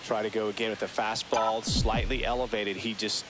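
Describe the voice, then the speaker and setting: A man giving baseball color commentary in a measured, analytical way. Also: on the low side, flat delivery. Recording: game audio under loud background noise.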